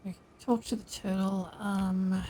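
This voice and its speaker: Woman doing chill game stream commentary, mellow voice with some fry, thinking out loud, bit of noise. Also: medium pitch, flat delivery, unhurried. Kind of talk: casual gameplay commentary.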